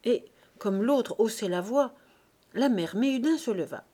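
A woman reading a classic novel aloud as an audiobook, in a measured, expressive way. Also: a little high, breathy edge. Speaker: audiobook reader.

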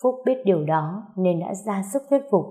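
Mellow woman telling a sad story. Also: mid-range voice, animated, moderate pace. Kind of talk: scripted first-person story narration.

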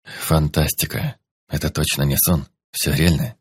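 A cold surgeon hisses his words slowly and quietly, voice sunk low, as a narrator puts him on. Very deep and dry. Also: steady tone, slightly rough, no room sound, heavily acted. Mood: menacing. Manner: slow hissing quiet delivery. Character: cold sinister male surgeon, soft-spoken.

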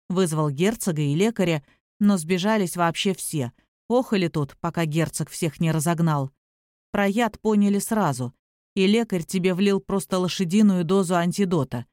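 A woman's voice: fairly low pitch, darkish tone, dry recording, clean studio sound, natural voice. A woman voicing a friendly, teasing young male werewolf in an audiobook, speaking easily and affectionately. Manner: easygoing, affectionate, calls her little one.

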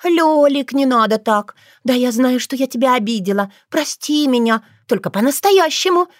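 Audiobook: woman voicing a vain clingy vixen, pitched high, shrill and pleading, dry close sound. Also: animated, moderate pace, no echo. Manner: shrill, wheedling then hissing. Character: pushy vain young vixen, fox-woman, clingy and spiteful. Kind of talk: audiobook character voice.

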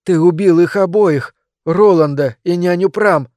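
A desperate young governess, put on by a male audiobook reader, cries out her words in a raised, higher voice. The sound is dry and close. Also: a little slow, a little mellow, no room sound. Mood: anguished. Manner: urgent, breathless exclamations.

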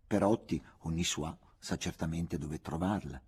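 A man voicing a witty, ironic young woman, lively and affectionately bossy in her teasing. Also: low voice, unhurried, breathy edge, heavily acted. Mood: coaxing.

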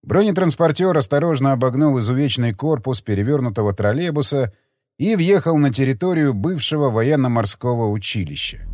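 Brief: male audiobook narrator, expressive and dramatic, close dry mic. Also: medium pitch, brisk, dry recording.

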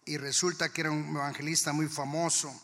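A man's voice: on the high side, level tone, a little fast, fairly bright tone, big-room sound. A man with a Colombian accent preaching a fervent sermon to his congregation in church, firing rhetorical questions at the listeners. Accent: Colombian Spanish. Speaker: pastor.

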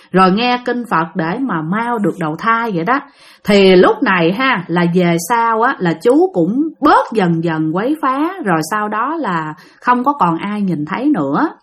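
A woman telling a ghost story in a chatty way, often speaking straight to her listeners. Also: mid-range voice. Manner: chatty, addresses listeners directly.

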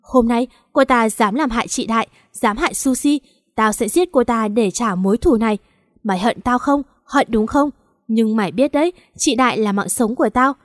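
A woman voicing a furious young male gang member who shouts in anger in a storybook. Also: sits high, completely flat delivery, a little fast, hardly any pauses, long reverb tail, voice pushed up, natural voice. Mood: grieving anger. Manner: angry, shouting.

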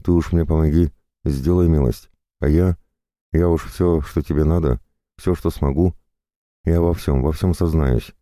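A man's voice: a bass voice, steady tone, unhurried, mellow, no room sound, clean studio sound, voice pushed up. A man voicing a young captive woman accused of witchcraft, pleading and wheedling in a storybook reading.

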